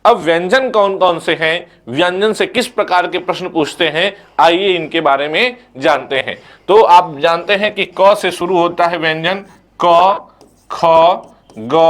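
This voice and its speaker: A man's voice: sits high, a bit bright. A young man teaching an exam coaching lecture, who asks questions and answers them himself and recites letters one by one.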